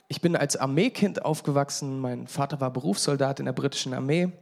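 A man's voice: medium pitch, a little fast, gravelly. A pastor in his thirties from England giving a conversational sermon, joking with the congregation now and then. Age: 30s.

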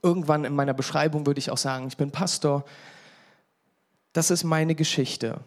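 Guy in his 30s preaching, fairly high voice, chatty, cracks little jokes. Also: steady tone, moderate pace. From England. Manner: conversational and chatty, joking with the congregation. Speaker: pastor. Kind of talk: sermon.

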